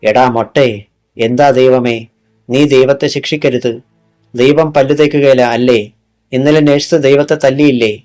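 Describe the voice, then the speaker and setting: A man's voice: medium pitch, steady tone, unhurried, long pauses, a little mellow, faint music behind, lightly acted. A man doing a rambling male asylum patient. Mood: raving. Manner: rambling, disjointed. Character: rambling male mental patient, raving about God.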